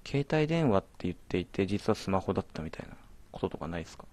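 A man's voice: deep voice, sing-song, fast talker, a little mellow. A man commentating a horror game as he plays, jumpy, alternately exclaiming and muttering to himself. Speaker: let's play commentator.

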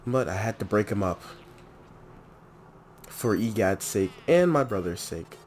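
A young man giving chatty, excitable gameplay commentary and talking to the characters on screen. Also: lowish voice, measured pace, slight background noise. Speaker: let's play host.

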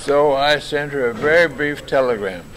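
A man in his nineties, born in Japan, telling stories in a halting, rambling way with many fillers and restarts, recorded by a camera across a table in a large lounge. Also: medium pitch, crowd noise, low-quality recording. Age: 90s. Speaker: interviewee. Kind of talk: casual storytelling. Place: large bright lounge, indoors.

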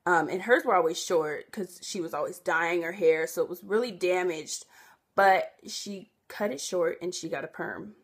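A young woman talks to her camera in a loose, chatty way, circling back to fix her own details and leaning on filler words. Her voice sits a little on the low side for a woman. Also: normal speed, husky. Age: young adult. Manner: rambling, self-correcting, chatty with many fillers. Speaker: vlogger. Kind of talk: casual chat to camera.

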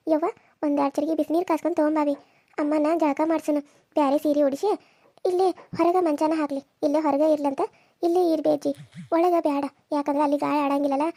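A kind young village woman in a cartoon serial, voiced by a woman. She soothes and reassures in a high, quick voice with a mellow tone. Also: dry recording.

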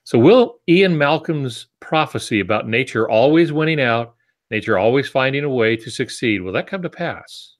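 This is a writing teacher and podcast co-host, an American in his sixties, speaking at a moderate pace with an expressive, medium-pitched voice. He teaches casually, dropping in asides, on a video call from a home office through wired earbuds.

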